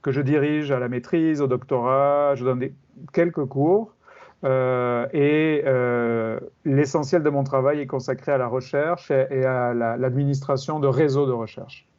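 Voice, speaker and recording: A middle-aged man from France, a criminology professor explaining his field in an interview, measured and hesitant with many fillers. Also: medium pitch, steady tone, a little mellow, highs cut off.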